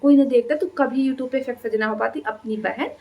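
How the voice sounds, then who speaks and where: A woman's voice: high-pitched, brisk, darkish tone. Taunting woman scolding in a reaction vlog. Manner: taunting, scolding, rhetorical questions with "hmm?". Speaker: reaction vlogger.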